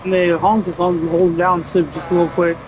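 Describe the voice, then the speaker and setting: A man's voice: sits high, little pitch movement, quick pace, noisy background. A man giving casual gameplay commentary as a gaming channel host, chatty, with joking asides.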